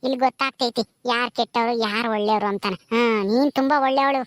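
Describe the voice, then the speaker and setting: A vengeful ghost of a dead first wife threatens the old mother-in-law, voiced by a woman. She speaks lower and more slowly, with a menacing edge. The sound is dry and close. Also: steady tone, no echo, lightly acted. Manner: scolding, vengeful, low.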